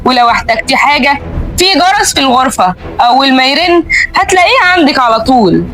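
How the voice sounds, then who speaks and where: Woman narrator as elderly Egyptian male receptionist in a horror tale, fatherly and mysterious, high voice. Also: lively intonation, fast talker, fairly bright tone, soft background music. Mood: calm, welcoming. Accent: Egyptian Arabic. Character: very old male hotel receptionist, kindly, mysterious. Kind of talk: horror story character acting.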